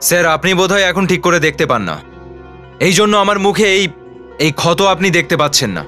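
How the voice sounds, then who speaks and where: An impatient, bossy building-site foreman in a TV crime drama. His voice is high for a man and he talks fast and emphatically, with dramatic music behind him. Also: sharp tone. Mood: firm, aggrieved.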